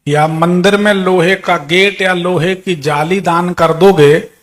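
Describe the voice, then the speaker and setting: A man's voice: sits high, fairly even intonation, takes it slowly, fairly bright tone. A man giving an astrology consultation, questioning a client and stating predictions with authority.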